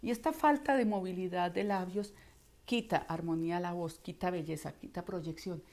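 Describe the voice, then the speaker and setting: Woman, Colombian accent, lowish pitch, voice coach lesson, expressive storyteller. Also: moderate pace. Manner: expressive, acts out voices in anecdotes. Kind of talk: instructional talk.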